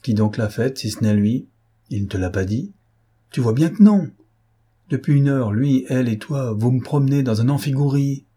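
Male reader playing a grumpy baffled nobleman, husky and quick to anger. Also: on the low side, warm tone. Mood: exasperated. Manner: gruff, exasperated.

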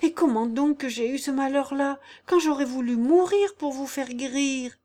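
A tender young peasant girl, earnest and pleading, her phrasing plain and rustic, as a woman reader puts her on. The voice sits high and carries with a lifted, heightened urgency. This is storybook acting in an audiobook. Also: normal speed, darkish tone, lightly acted. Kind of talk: audiobook character reading.

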